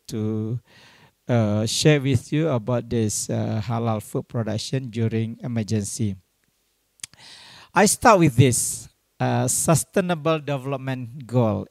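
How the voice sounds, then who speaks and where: A man's voice: medium pitch, gravelly, darkish tone, no room sound, clean studio sound. A middle-aged man from Indonesia, giving an academic lecture as guest speaker and often tagging his points with "yeah". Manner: unhurried, tags points with "yeah".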